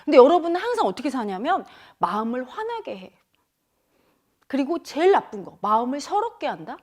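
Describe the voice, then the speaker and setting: Lively high-voiced woman teaching meditation. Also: a little fast. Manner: animated, addresses listeners directly, acts out inner voices. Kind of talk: spiritual talk to an audience.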